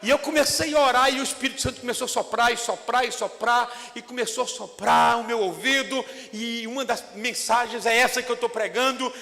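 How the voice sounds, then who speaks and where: A male pastor, preaching a sermon in an animated storytelling way that swings between loud and hushed. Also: extremely high pitch, fairly quick, vocal fry, hardly any pauses. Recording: echoey church hall.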